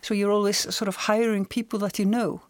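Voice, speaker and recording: Woman, halting thoughtful talk. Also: medium pitch, steady tone. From Iceland. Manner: thoughtful, repeats words as she searches for them. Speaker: author and journalist guest. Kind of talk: conversational interview.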